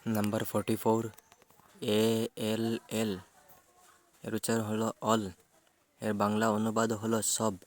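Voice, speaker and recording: A man works through a vocabulary list, spelling each word letter by letter before giving its meaning. His voice sits low and stays almost completely flat, with no rise or fall. He moves slowly and deliberately, like a patient drill. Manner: slow, even, measured spelling out of letters. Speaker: vocabulary teacher. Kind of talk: spelling out English words and reading Bengali meanings.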